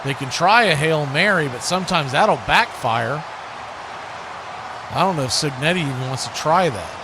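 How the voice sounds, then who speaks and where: Over clearly noisy live stream audio, a man announces a football game play by play for fans at a watch party. His slightly high voice has lively intonation and a normal pace, and he chats conversationally, mixing calls with opinion.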